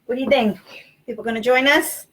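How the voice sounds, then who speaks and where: Her voice slightly high, steady, brisk, and a bit bright, this Sri Lankan mom in her thirties quizzes her little kids during an informal home livestream lesson. She stays patient throughout, and there's slight background noise in the small city apartment.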